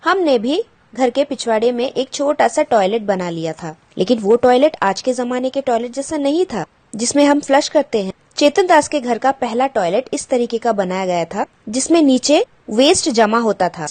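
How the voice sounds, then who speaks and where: A woman's voice: a little high, expressive, moderate pace, hardly any pauses, a little mellow. A woman teacher patiently explaining a school textbook chapter to children, glossing English words and asking the pupils questions.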